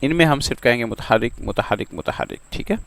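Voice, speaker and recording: A man with an Urdu accent teaching Quran pronunciation, drawing out syllables slowly and checking in with "theek hai" between them. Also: medium pitch, lively intonation, creaky, a bit bright. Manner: drawn-out syllable demonstrations, repeats "ठीक है" often. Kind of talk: slow, patient tajweed lesson.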